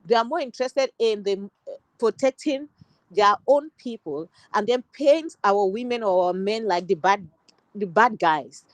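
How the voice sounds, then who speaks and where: A woman's voice: mid-range voice, a little slow, no room sound, rough recording. A woman from Cameroon, a social worker and guest on an online panel, speaking earnestly and steadily with frequent restarts.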